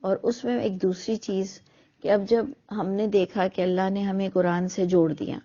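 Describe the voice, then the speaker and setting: A woman's voice: mid-range voice, little pitch movement, dark tone. A middle-aged woman giving an earnest, argumentative monologue full of rhetorical questions. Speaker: speaker on religious questions. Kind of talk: reflective monologue. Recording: dull lo-fi recording.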